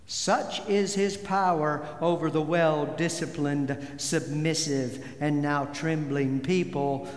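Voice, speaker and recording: A man preaching a sermon as pastor, slow and deliberate, leaning hard on key words. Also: fairly high pitch, steady tone. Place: church sanctuary. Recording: echoey hall with long reverb.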